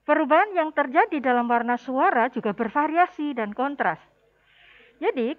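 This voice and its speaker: A woman music teacher gives a recorded lesson, explaining patiently to her pupils and warmly addressing them as a class. Her voice sits high, and the audio is narrow and tinny.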